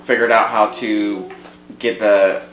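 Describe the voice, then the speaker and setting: A man co-hosts a casual home podcast, talking informally and conversationally in a fairly low, level, fairly bright voice at a slow pace. He uses a podcast microphone on a tripod, and the sound is muffled and roomy with a background hum.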